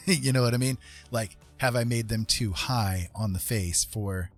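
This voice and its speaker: Livestreaming while he paints, a man with a medium-pitched, unhurried voice chats casually, rambling and thinking aloud with self-deprecating humor. Music plays in the background.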